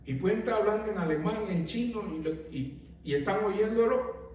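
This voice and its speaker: A man preaching a sermon as pastor, animated and asking the congregation rhetorical questions. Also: high-pitched, normal speed, a little hiss or hum. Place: church sanctuary. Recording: very echoey hall, mic far off.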